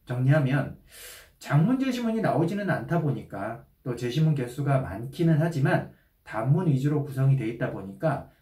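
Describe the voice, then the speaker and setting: A male instructor explains exam strategy in a calm, methodical way, with a lively rise and fall in his voice. His tone is mellow and soft-edged. The recording is echoey, with the mic set back from him. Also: mid-range voice, far from the mic. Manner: calm, methodical, addresses students directly. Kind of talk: explanatory lecture.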